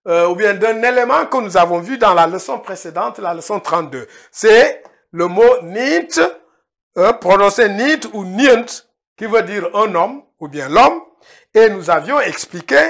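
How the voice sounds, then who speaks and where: A middle-aged man teaching a language lesson, first scolding his students and then explaining words, repeating them slowly. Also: sits high, a bit bright. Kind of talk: lecture-style language lesson. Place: indoor room, filmed by a cameraman.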